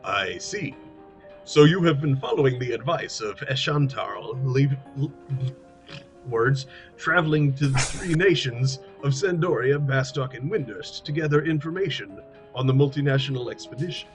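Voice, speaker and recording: A man's voice: mid-range voice, animated, moderate pace, faint music behind, natural voice, low-quality recording. A man voicing a courteous, melancholy knight adventurer in a formal way. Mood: grave.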